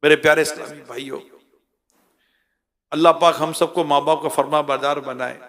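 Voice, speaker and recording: A man delivering an emotional sermon, telling a story with dramatic swings between loud cries and hushed lament, repeating words for emphasis. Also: fairly high pitch, fairly even intonation, normal speed. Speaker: preacher.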